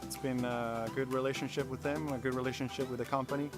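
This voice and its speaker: A man's voice: mid-range voice, level tone, fast talker, music in the background. Man, easygoing sponsor testimonial. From Italy. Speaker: water ski athlete and coach.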